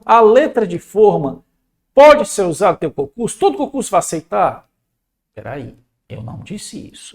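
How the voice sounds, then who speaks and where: A man's voice: sits high, gravelly, a little mellow. A man with a Brazilian Portuguese accent teaching an exam-prep lesson, talking conversationally and pointing out examples on screen. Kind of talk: recorded online lesson.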